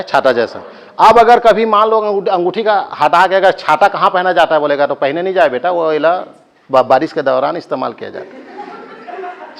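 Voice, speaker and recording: Giving a live class lecture, a male coaching teacher with a Chhattisgarhi accent speaks in a voice on the high side. He has students chant repetitions and slips in jokes along the way.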